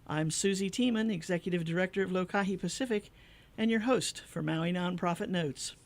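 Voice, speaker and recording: A middle-aged woman from the American Midwest hosting a casual radio interview show, chatty and quick to laugh along with her guest. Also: on the low side.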